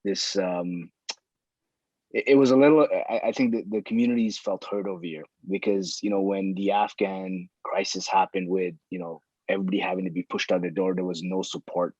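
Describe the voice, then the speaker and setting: A man's voice: low voice, fairly even intonation, brisk, a little mellow, slightly rough, dry recording, muffled recording. A man in casual conversation, thinking aloud and circling back on his phrases.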